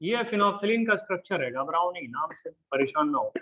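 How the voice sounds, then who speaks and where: A man with a rather high voice leads a live chemistry class at a normal speed, animated and teasing, constantly asking if the students get it. The audio, taken in the classroom, sounds lo-fi and muffled.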